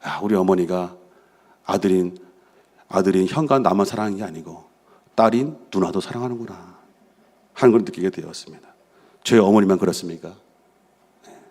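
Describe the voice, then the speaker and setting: His voice low and a little mellow, a middle-aged man serving as senior pastor preaches fairly quickly but with long pauses. He reads scripture aloud, shares personal stories to explain it, and repeatedly asks the congregation questions, punctuated by an affirming "yes."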